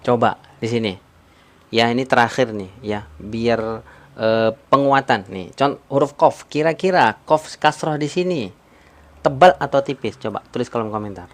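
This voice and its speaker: Guy teaching tajwid on a live stream, patient, keeps asking the chat questions, mid pitch. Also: normal speed. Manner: patient, repeats points, quizzes viewers. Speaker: Quran recitation teacher.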